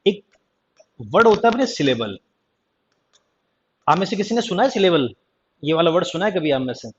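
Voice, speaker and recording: A man's voice: high voice, sing-song, normal speed. A male teacher runs a live online grammar class in a slightly raised voice. He keeps teasing his students and calling them back to attention. The audio sounds dull and lo-fi. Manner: teasing, chatty, keeps repeating "ध्यान देना" and "ठीक है जी". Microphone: online class stream mic.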